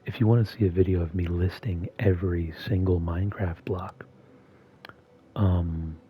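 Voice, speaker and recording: A man hosting a video in a soft-spoken, half-monotone voice that is often whispered and slightly strained. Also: low-pitched, normal speed, narrow, tinny audio. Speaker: video host. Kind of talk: soft-spoken ASMR-style commentary.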